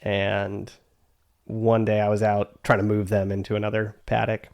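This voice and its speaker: A man's voice: lowish voice, completely flat delivery, moderate pace, gravelly, highs cut off. A middle-aged man, an interview guest, telling anecdotes and answering in a casual conversational style. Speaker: guest, adjunct English literature professor.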